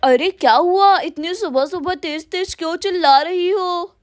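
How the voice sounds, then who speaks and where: Casting: fretful old grandfather, voiced high by a woman, for a doll cartoon, dry close sound. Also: a little slow, dry recording. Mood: alarmed. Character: old village grandfather, worried head of house.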